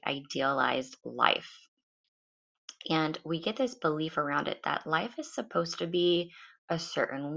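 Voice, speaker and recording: A woman's voice: low-pitched, creaky, sharp tone, muffled recording. A woman with a sleepy morning voice, musing unhurriedly in a solo podcast monologue recorded at home. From United States. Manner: musing, unhurried, loosely rambling. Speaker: podcast host. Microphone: home podcast setup.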